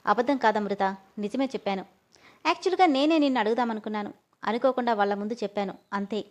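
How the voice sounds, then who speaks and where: A woman voices a stubborn young male boss, speaking firmly and insistently. The voice comes across as a man's, high and fast, close to an everyday voice, on dull lo-fi audio.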